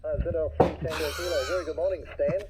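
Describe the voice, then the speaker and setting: A man running a radio net, heard over a ham radio receiver, using steady, formal on-air phrasing with frequent "uh" fillers. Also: on the high side, fast talker. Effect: heard over a ham radio receiver, tinny and thin. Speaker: net controller. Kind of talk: radio net procedure, calling stations. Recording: tinny ham radio audio with faint hiss.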